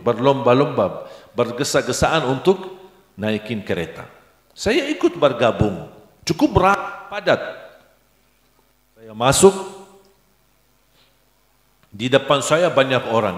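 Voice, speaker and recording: Middle-aged guy preaching, lively storytelling voice, big echoey hall w long reverb. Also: mid-range voice. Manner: animated, acts out dialogue in his stories. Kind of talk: sermon with storytelling. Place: large hall at an Islamic boarding school.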